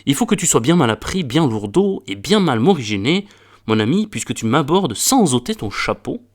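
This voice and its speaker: Un homme prend la voix d'un docteur de farce vaniteux qui pérore et fait la leçon, en parlant plus haut et plus fort que dans sa lecture ordinaire. Sa voix est très mobile, elle grimpe et redescend avec emphase. C'est une lecture de théâtre comique, pleine d'une solennité pompeuse. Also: male voice, mid-range voice, very animated, moderate pace. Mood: pompous. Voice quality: declaiming, lecturing, self-important. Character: pompous arrogant learned doctor, male, middle-aged. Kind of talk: reading a classic farce aloud.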